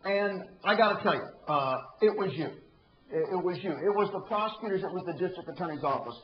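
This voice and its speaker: A man with a drawl tells a case story to a room of prosecutors, tossing out rhetorical questions as he goes. His voice sits fairly high. The sound is roomy and a bit dull. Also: lively intonation, fairly quick. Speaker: ethics trainer. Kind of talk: training talk to prosecutors.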